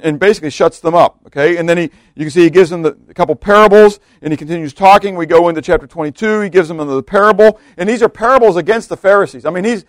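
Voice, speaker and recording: Male preacher, fairly high voice, chatty and conversational, drops to hushed asides, dry recording. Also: dry recording. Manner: conversational, keeps checking in with "okay?" and "right?"; often drops to a hushed low voice for emphasis. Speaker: pastor. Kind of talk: expository sermon.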